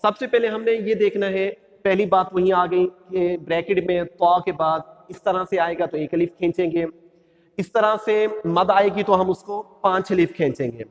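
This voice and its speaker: High-pitched guy teaching quran letters, slow and patient, stretching the sounds out sung, lots of reverb. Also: steady tone. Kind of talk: religious lesson on pronunciation.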